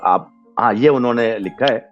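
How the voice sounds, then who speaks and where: A male podcast host in a casual chat, thanking listeners by name in a relaxed, chatty way and slipping into English thank-yous. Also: medium pitch. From Pakistan. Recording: dull lo-fi recording with faint music.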